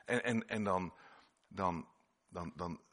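A man's voice: deep voice, slow pace, fairly bright tone. A man preaching a sermon in Dutch-language church talk, earnest and repetitive, sometimes acting out short quoted voices.

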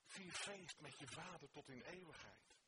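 A preacher voicing God as a loving father welcoming someone home, partly whispered and rising to joyful calls, over clear background noise. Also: a little high, animated, normal speed, natural voice. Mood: tender, joyful.

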